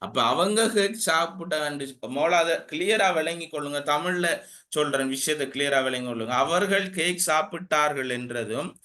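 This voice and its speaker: A male English teacher, explaining grammar and slowly dictating example sentences. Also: fairly high pitch, bright, forceful tone. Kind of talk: classroom grammar lesson.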